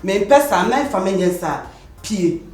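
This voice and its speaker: A woman's voice: mid-range voice, lively intonation, moderate pace, a little mellow, roomy sound, natural voice. A Ghanaian woman acting a fed-up girlfriend who angrily orders her jobless boyfriend out. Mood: angry. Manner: angry, commanding. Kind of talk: Twi film acting.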